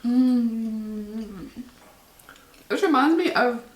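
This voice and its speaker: A woman's voice: a little high, lively intonation, drawn-out words, echoey room. A woman hosting a snack taste test in casual chat, bubbly and enthusiastic. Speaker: host.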